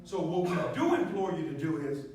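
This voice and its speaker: A man pitching a product to a live audience in an emphatic, preacher-like way, asking the crowd questions. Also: expressive, normal speed. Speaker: speaker presenting a product to an audience. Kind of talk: preacher-like sales talk with call and response. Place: meeting room with a live audience. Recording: echoey noisy room from far off.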